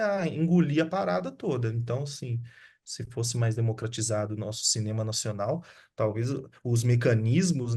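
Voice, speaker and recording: A man at a middling pitch. He chats easily over a video call, slangy and unhurried, circling back to restart his thoughts. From Sabará, Brazil. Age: 30s. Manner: relaxed, slangy, with frequent restarts. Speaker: guest filmmaker. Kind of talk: casual online conversation.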